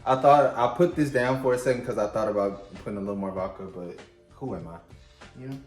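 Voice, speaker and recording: A man's voice: lowish voice, fast talker, roomy sound, faint music behind. Chatty man mixing drinks at home. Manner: playful, chatty, talks straight to viewers. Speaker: vlog host. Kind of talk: casual drink-making tutorial.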